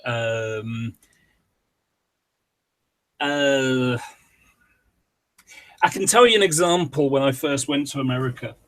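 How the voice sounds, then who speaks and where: A man's voice: medium pitch, slow pace, pauses often, fairly bright tone. A British man guesting on a podcast, chatting casually and rambling off on tangents. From Britain.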